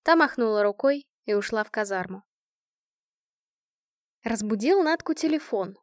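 A woman reading a novel aloud as narrator, in an even storytelling manner. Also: fairly high pitch, moderate pace, no room sound, studio quality. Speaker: audiobook reader. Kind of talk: scripted narration.

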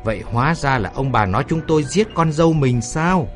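A man's voice: medium pitch, expressive, a little fast, soft background music, pitched above the performer's own voice, lightly acted. A humble older father in an audio story, played by a male narrator. He pleads in a polite, deferential way. His voice rises and falls freely. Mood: pleading.

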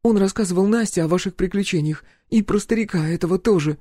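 A man's voice: high voice, quick pace, mellow, no echo, clean studio sound, voice pushed up. A man doing a sobbing, stammering young woman. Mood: tearful pleading. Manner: stuttering, wailing, pleading. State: crying.

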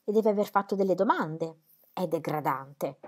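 A woman's voice: fairly low pitch, expressive, moderate pace, darkish tone. A woman reading aloud and voicing Dorothea, an earnest young woman who speaks with vehement, wounded indignation. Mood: indignant.

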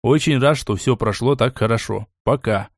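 A man's voice: mid-range voice, dry recording, clean studio sound, lightly acted. A man reading an audiobook and voicing a tired young man leaving a message as a hologram. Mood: weary. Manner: weary, slow.

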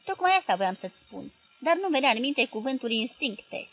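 A woman reading the part of a moody young woman who speaks with cool, quiet irony. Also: high voice, big pitch swings, slightly rough, muffled recording, full character voice.

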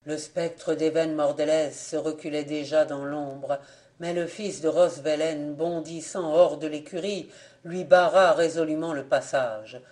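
A man narrating an audiobook of an old folk tale in a slow, measured and dramatic way. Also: on the high side, steady tone, a little mellow. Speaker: audiobook reader.

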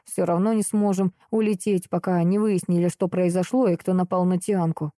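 A woman voicing a strong, calm northern princess who speaks with dry mockery. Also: on the low side, normal speed, dry recording, close to an everyday voice. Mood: mocking calm. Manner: calm, mocking.

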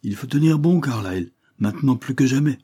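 A man reading the lines of an agitated older judge, excited and exclaiming. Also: medium pitch, normal speed, husky, pitched above the performer's own voice.

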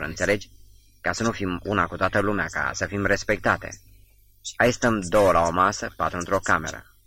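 Man voicing a hoarse émigré woman, slow, subdued, very low pitch, dry sound. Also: pushed and bright, no room sound, exaggerated voice. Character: weary, tipsy Russian émigré woman.

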